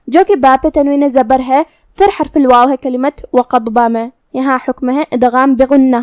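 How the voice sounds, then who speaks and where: A woman with a high, smooth, resonant voice and a Pakistani Urdu accent, patiently walking through pronunciation rules letter by letter. She breaks off into slow, stretched recitation to demonstrate. The sound is dry and close, with no room around it. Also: darkish tone, no room sound. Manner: methodical, explains each letter rule then recites slowly. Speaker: Quran recitation teacher. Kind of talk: tajweed lesson with slow chanted recitation.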